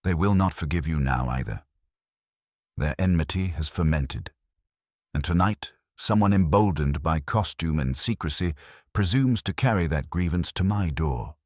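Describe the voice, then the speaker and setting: In a mystery story, a man voices a stern, calculating older detective genius, imperious and unhurried. His extremely low, heavy voice comes at normal speed with formal, flat, commanding pronouncements and a grave mood. The studio recording is clean and echo-free.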